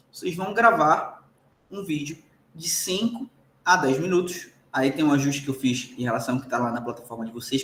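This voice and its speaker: Recorded in a reverberant space, this lecture to law students comes from a man whose medium-pitched voice has a fairly bright tone. His Brazilian Portuguese accent carries an emphatic style, and he frequently checks in with the class.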